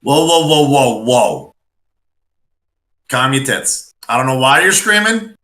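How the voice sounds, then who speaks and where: Brash rude adventurer, voiced by a man, dismissive, a bit higher and brighter, roomy echo. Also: normal speed. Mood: brusque. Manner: blunt, dismissive. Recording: echoey room.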